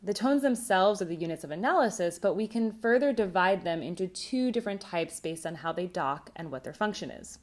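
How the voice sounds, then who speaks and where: A woman presenting a recorded academic conference talk on linguistics, explaining terms in a clear, measured way. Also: medium pitch, expressive.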